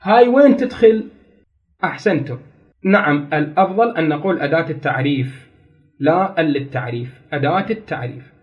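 High-voiced man teaching grammar. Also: lively intonation, brisk, dull audio, soft background music. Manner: explains step by step, repeats key terms, questions students. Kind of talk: classroom lecture.

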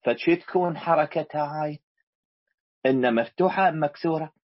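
A man's voice: fairly high pitch, a little fast, dry recording. A man with an Iraqi accent teaching a grammar lesson, quizzing the class and repeating key words, on a dull lo-fi recording. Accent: Iraqi Arabic.

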